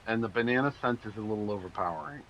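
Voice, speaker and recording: A man's voice: lowish voice, racing, fairly bright tone, slight background noise. A man chatting casually on a gaming stream in a rambling, laid-back way, with lots of "like". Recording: dull lo-fi stream audio.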